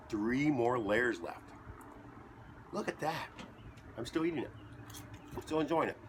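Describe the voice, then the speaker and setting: A man with a fairly low, bright-edged voice rambles casually in deadpan fashion, tossing in joking asides. He chews as he talks from his basement, with a faint hum of ambience behind him. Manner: talks while chewing. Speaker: vlogger. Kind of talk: casual rambling monologue to camera.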